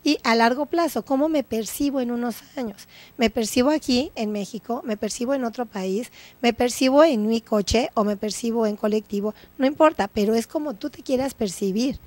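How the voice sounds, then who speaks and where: Mexican woman, guest expert on educational TV, somewhat high voice, dry close sound, teacherly and checks in often. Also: moderate pace, a little mellow, dry recording. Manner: didactic, checks in with tag questions. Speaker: guest psychologist. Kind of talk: educational TV talk.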